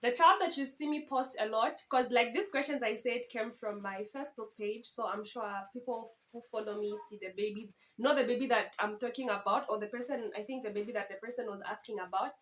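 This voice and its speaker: A young woman in her twenties from Zambia talks casually to her viewers in a Q and A vlog. Her voice sits high, and her talk is playful and full of giggles. It sounds recorded on a camera phone. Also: fairly quick, hardly any pauses, a bit bright, low-quality recording. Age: 20s. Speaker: YouTuber.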